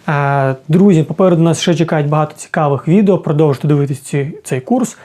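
A man teaching a casual video lesson as an English teacher, explaining slowly and often checking in with the listener. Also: a little high, warm tone.

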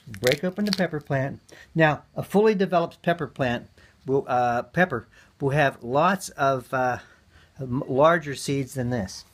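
A man's voice: medium pitch, unhurried. A man giving a casual, hands-on gardening demonstration, talking in a chatty, folksy way with lots of ums and uhs. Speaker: gardening teacher.

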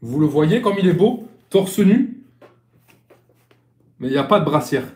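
Casting: male sailing coach, Marseille accent, somewhat high voice, rambling and friendly live-stream delivery, echoey room. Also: expressive, measured pace, a little mellow. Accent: Marseille French. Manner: chatty, rambling, repeats and restarts. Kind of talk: casual live-stream lesson. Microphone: live-stream phone or webcam.

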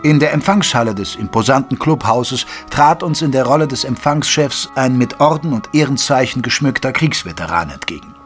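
An actor playing a gentleman doctor who narrates a German detective radio play in a measured, formal storytelling manner. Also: mid-range voice, lively intonation, soft background music, lightly acted. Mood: composed, descriptive. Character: gentleman doctor recounting his detective friend's cases. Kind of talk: scripted first-person radio play narration.

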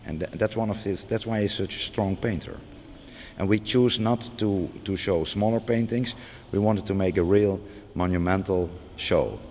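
Recorded in a big gallery with long reverb and a faint hum of background noise, this middle-aged man is a museum curator giving an unscripted interview. He talks at normal speed in a low, darkish voice, stumbling through many restarts and fillers.

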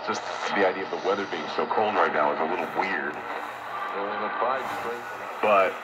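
A man talking on AM radio in a rambling, conversational monologue, halting and circling back on his phrases. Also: deep voice, loud music behind the voice. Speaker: radio talk host. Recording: very noisy, muffled AM radio.

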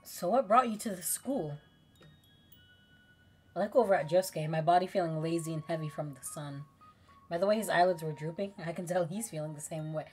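A woman streamer reading a dating game aloud, calm when she narrates and gushing, joking and excitable when she reacts. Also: low voice, quick pace, husky, faint music behind.

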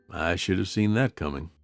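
A man voicing a big, gruff but patient guard dog with a deadpan, weary manner in a comic dub. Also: low voice, unhurried, dry recording, faint music behind.

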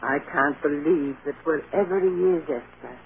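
Speaking at a normal speed in a voice that sits low, an actress portrays a firm, earnest old grandmother who is stern but loving. It's in 1940s radio drama style, and the recording is tinny and full of hiss.

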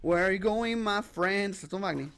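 This young man commentates his gameplay with a high voice, hyping himself up and dropping curses. He throws English gamer phrases into his talk and gets loud in fights. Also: clean tone. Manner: excitable, swearing, hyped-up shouting. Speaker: gaming channel host. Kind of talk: let's play commentary.

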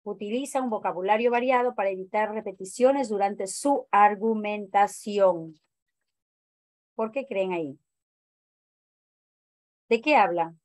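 A woman's voice: medium pitch, a little slow, long pauses, darkish tone, dry recording. A woman teacher leading an online training class, explaining exam answers and asking the group questions. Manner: questioning, explanatory, many fillers.

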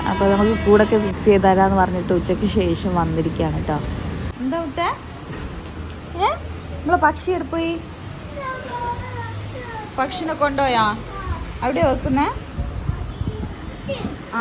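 A woman chatting casually to her viewers in a family vlog and talking sweetly to her small son. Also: medium pitch. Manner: chatty, addresses viewers with frequent tag questions; playful baby-talk with her small son. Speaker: family vlogger. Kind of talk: casual home vlog chat.

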